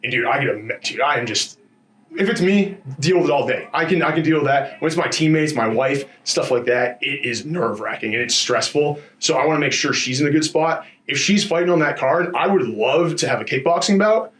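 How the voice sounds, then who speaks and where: A man speaking as a fighter in a casual post-fight interview, in an informal, rambling and animated storytelling way with slangy asides. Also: a little high, fairly quick. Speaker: MMA fighter being interviewed after a bout.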